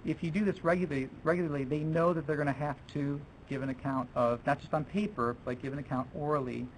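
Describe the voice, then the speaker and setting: A man's voice: a little high, fairly even intonation, fast talker, a little hiss or hum, rough recording. A man presenting a teaching workshop to fellow teachers in a chatty way, restarting his sentences and dropping in French phrases.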